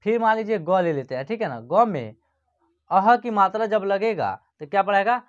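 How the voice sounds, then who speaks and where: Guy teaching hindi online, keeps checking ur following, slows down on each sound, kinda dull lo-fi audio. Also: sits high, animated. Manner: repeats checking phrases, slows to spell out sounds. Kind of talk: online lesson, explaining at a board.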